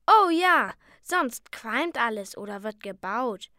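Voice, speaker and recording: A woman's voice: fairly high pitch, very animated, a little slow, dry recording, clean studio sound. A woman voicing a cheeky young elf boy, the narrator's brother, who speaks eagerly in a storybook reading.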